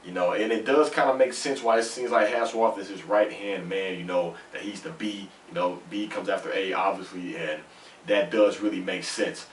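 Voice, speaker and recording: A man's voice: sits low, steady tone, moderate pace. A man with a lisp and slushy s sounds gives a casual, rambling review, repeating himself for emphasis. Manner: conversational, rambling, emphatic repetition. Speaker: host of a manga chapter review. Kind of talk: casual off-the-cuff review commentary. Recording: roomy, distant mic, faint noise.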